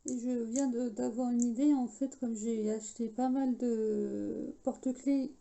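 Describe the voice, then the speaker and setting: Slow, mellow-voiced woman craft host. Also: on the high side, steady tone, creaky, rough recording. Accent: English-tinged French. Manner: chatty, hesitant with many fillers. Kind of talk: casual DIY tutorial.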